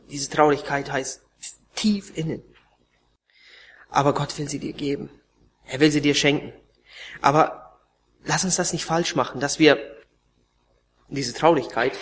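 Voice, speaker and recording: Impassioned preacher, rising and hushing. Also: male voice, on the high side, slight background noise. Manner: emotional, swinging between raised pleading and hushed near-whispers. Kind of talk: sermon testimony.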